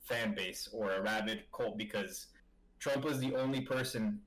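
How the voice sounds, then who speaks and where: A man in a casual group chat, calmly explaining things at length in a measured way. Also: on the low side, rough recording.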